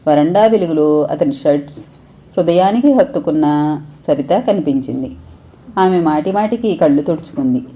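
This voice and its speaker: A woman storyteller reading an audio story aloud in a steady, expressive way. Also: sits low, normal speed.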